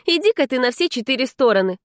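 A woman voicing a proud, touchy young vampire woman in an audiobook, speaking in a sharp, scolding way. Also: high-pitched, animated, quick pace, dry recording, clean studio sound, voice pushed up. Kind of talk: audiobook character reading.

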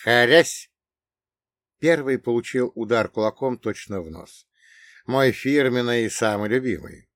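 A man's voice: medium pitch, moderate pace, dry recording, studio quality. A man narrating a first-person story with wry, ironic asides. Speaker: audiobook narrator.

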